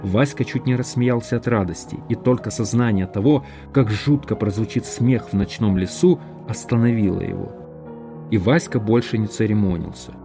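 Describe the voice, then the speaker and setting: A man narrating an audiobook in steady, measured scripted storytelling. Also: fairly low pitch, music in the background.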